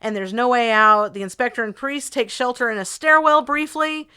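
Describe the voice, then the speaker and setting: A woman's voice: fairly high pitch, moderate pace, bright, forceful tone, smooth. A woman co-hosting a podcast, recapping a film plot in a chatty, wry way. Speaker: podcast co-host. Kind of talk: casual movie recap chat.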